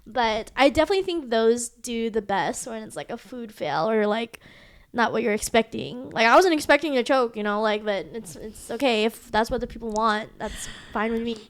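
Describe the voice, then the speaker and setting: A woman's voice: on the high side, normal speed. A young woman co-hosting a podcast, telling a long story in casual chat, full of fillers. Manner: rambling storytelling, many fillers. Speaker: podcast co-host.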